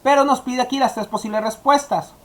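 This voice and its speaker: Woman, teacher, step-by-step coding tutorial, talks straight to students, slightly high voice. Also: a little fast, fairly bright tone. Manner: explaining step by step, addressing students directly. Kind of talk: screen-recorded coding tutorial.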